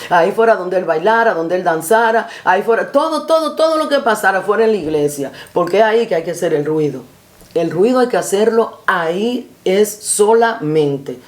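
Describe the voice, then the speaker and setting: A woman's voice: medium pitch, big pitch swings, moderate pace, reverberant. A woman giving an earnest spoken reflection like a sermon, using repetitive rhetorical phrasing and addressing the listener formally. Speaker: preacher.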